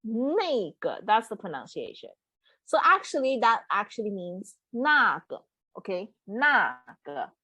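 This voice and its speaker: A woman's voice: fairly high pitch, pushed and bright, no echo. A woman teaching an online Mandarin lesson in English, patiently repeating words and checking in with her students. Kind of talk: live online language lesson.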